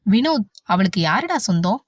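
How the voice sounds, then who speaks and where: A man's voice: high-pitched, sing-song, normal speed, dry recording. A woman voicing a hot-tempered young man, the lovestruck hero of a romance novel, speaking bluntly. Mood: urgent. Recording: dull, dry audiobook recording.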